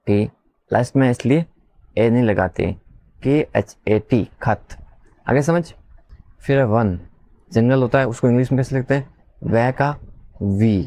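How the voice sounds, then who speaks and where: A man teaching beginners to spell, slowly repeating sounds and letters and asking his listeners questions back. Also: mid-range voice, warm tone, no echo. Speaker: English teacher. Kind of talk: slow spelling lesson for beginners.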